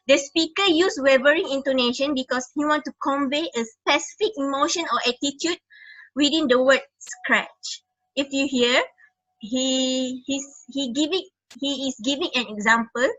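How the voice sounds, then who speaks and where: Bright high-voiced young woman. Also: dull audio. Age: young adult. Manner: explanatory, repeats and corrects herself. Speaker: student presenter. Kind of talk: class presentation.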